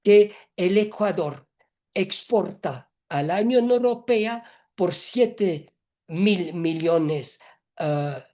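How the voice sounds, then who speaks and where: Speaking Spanish as a non-native, this low-voiced woman is an EU trade representative addressing a business panel on trade policy. She goes slowly and haltingly, with frequent filler sounds, restarts and grammar slips, in lo-fi sound.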